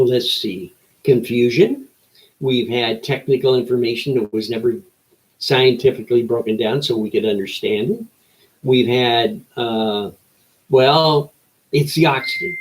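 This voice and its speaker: An older man with a mid-pitched voice hosts a rambling opinion monologue. He rants in a folksy old-timer way, posing rhetorical questions and answering them in short, emphatic phrases. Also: slight background noise, low-quality recording. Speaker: show host.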